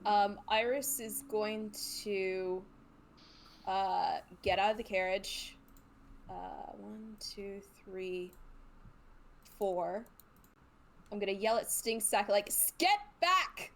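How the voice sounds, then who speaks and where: A woman's voice: mid-range voice, fairly even intonation, takes it slowly, long pauses, a little hiss or hum. Woman, player, chatty, giggly, casual tabletop talk. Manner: giggly, chatty, describes her moves.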